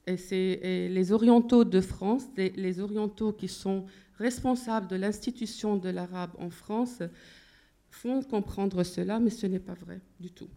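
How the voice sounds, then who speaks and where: Gravelly-voiced woman lecturing on linguistics. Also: medium pitch, a little slow, mellow. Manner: explanatory, thinks aloud while searching for terms.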